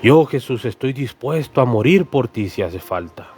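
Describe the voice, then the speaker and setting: Preacher doing an impulsive, loyal male disciple at mid pitch, pleading and insistent, with soft music behind. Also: expressive, normal speed, slightly rough. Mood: boastful. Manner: pleading, insistent, repeats the friend's name often. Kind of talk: sermon storytelling with acted voices.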